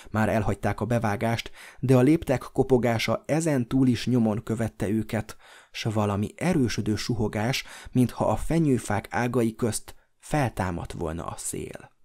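A man narrating an audiobook in a measured, dramatic storytelling delivery. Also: mid-range voice, mellow. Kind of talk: scripted narration.

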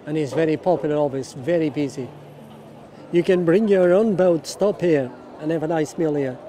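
On a walking tour through a crowded outdoor street market, a middle-aged vlogger talks at normal speed in a high-leaning voice with a dark tone. His commentary is casual and excited, full of exclamations and repeated phrases, over music and crowd chatter.

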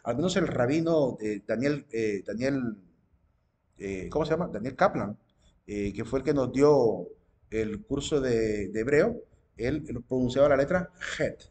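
A man's voice: medium pitch, animated, measured pace, a little mellow. Explaining man, tag questions. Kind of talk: informal teaching talk to viewers.

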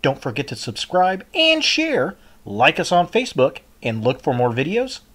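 A man with a husky voice giving a loud, upbeat sign-off for his channel. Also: on the high side, wildly swooping pitch, normal speed. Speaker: channel host. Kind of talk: outro sign-off.

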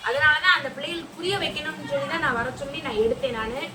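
A woman's voice: sits high, fast talker, a crowd in the background. A woman vlogger earnestly pleading with her viewers and repeating her points. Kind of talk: talking to viewers. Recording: echoey room, far from mic, noisy.

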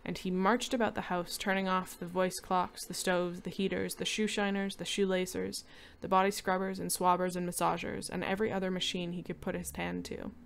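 A woman giving a dramatic reading of a short story, acting out each character and rising loud for the shouting and panicked lines. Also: fairly low pitch, level tone, fairly quick, creaky, hardly any pauses, a little hiss or hum. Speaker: reader.

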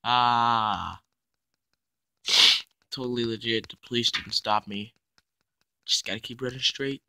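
A man's voice: mid-range voice, steady tone, normal speed, pushed and bright, no echo. A man giving playful, casual commentary over his own block-building game, narrating each move as he goes. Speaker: gaming YouTuber.

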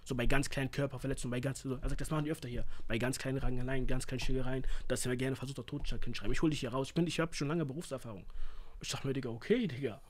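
A young man with telling a real-life story in a casual, animated way, acting out the lines of the people in it. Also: medium pitch, very fast. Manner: slangy, animated, acts out quoted lines.

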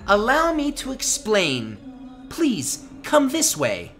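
A woman's voice: on the high side, huge pitch swings, slow pace, fairly bright tone, faint music behind, heavily acted. A woman playing a polite, eager young angel girl in a video game, explaining things in formal, deferential language. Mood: bright, eager. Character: polite, chirpy young girl angel serving her lord.

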